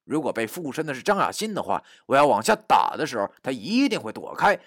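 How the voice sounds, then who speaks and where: Animated male storyteller. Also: mid-range voice, fast talker, dry recording, clean studio sound. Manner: animated, dramatic, swings from hushed to shouting. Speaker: narrator. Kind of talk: first-person audiobook narration.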